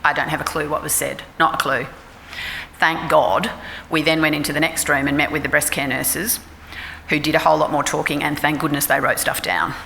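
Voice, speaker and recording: A woman's voice: sits low, little pitch movement, brisk, creaky, bright, forceful tone, a little hiss or hum. A middle-aged Australian woman, a clinical psychologist, giving a frank, conversational talk at a forum. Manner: frank, conversational, self-deprecating. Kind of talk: informal public talk. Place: forum hall. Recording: reverberant hall with faint ambience.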